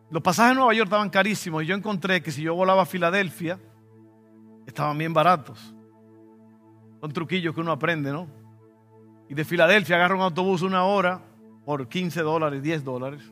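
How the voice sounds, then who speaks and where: With faint music in the background, this male preacher from the Dominican Republic speaks in a high, sharp-toned voice at a moderate pace, leaving long pauses. He has a Dominican Spanish accent and weaves personal stories into a conversational sermon punctuated by sudden emphatic outbursts.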